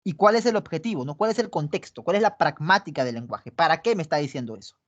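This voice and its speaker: A woman's voice: deep voice, lively intonation, fast talker. Peruvian lady teacher doing an online psych class, keeps asking students if they're following, kinda muffled audio. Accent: Peruvian Spanish. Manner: explains step by step, constantly checking in with students. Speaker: pre-university psychology teacher.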